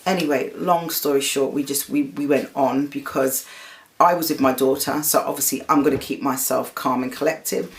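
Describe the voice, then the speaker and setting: A woman hosting her own show, retelling a personal story in an animated, casual monologue and acting out what others said. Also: a bass voice, normal speed. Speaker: show host.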